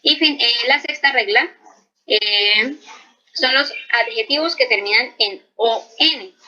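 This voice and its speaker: A woman's voice: a little high, slow pace, pushed and bright, rough recording. A woman teaching French grammar to Spanish speakers, explaining patiently and checking in often. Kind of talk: slow explanatory language lesson.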